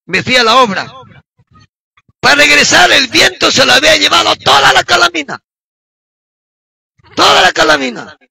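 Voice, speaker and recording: A middle-aged man from Peru gives a fervent sermon testimony and often breaks into shouts. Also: very high voice, sing-song, moderate pace, creaky, long pauses, no room sound. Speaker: preacher giving testimony.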